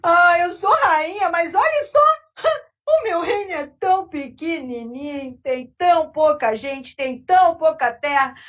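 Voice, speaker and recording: A woman's voice: very high-pitched, animated, measured pace, a bit bright, recorded from a distance, dull audio, voice pushed up, exaggerated voice. A woman voicing a never-satisfied old woman who wails and sobs over her troubles in a told story. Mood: sobbing complaint. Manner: whiny lamenting sighs, sobbing.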